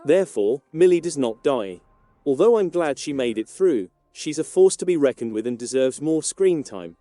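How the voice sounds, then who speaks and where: Dark-voiced man narrating TV recaps. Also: on the high side, moderate pace, no room sound. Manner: steady, even read-through of plot events.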